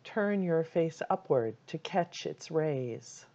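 Calm woman guiding a meditation, low mellow voice, kinda dull lo-fi sound. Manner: calm, soothing, unhurried instructions with long pauses. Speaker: meditation guide. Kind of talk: guided meditation.

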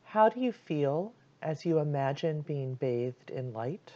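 Woman meditation guide: low, very slow, soothing delivery, slightly muffled recording. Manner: calm, soothing, unhurried instructions with long pauses.

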